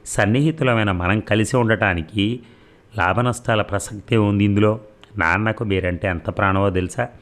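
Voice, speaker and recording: A spirited, teasing young woman pleads her case in a novel's audiobook, as a man reads her lines. The voice stays very deep and low throughout, earnest and persuasive rather than acted up, like a storyteller lending her his own tone. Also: moderate pace, a bit bright. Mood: pleading. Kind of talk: audiobook dialogue reading.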